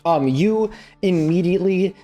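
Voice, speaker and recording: A man's voice: high voice, a little slow, mellow, soft background music. A man running a tabletop game as game master, improvising narration and playful banter. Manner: playful, jokey.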